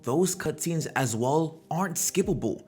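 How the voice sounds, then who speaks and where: Hosting a gaming commentary video, a man delivers casual, opinionated talk full of slang and rhetorical questions. His voice sits on the high side with a darkish tone, lively intonation, and a measured pace. Soft music plays underneath.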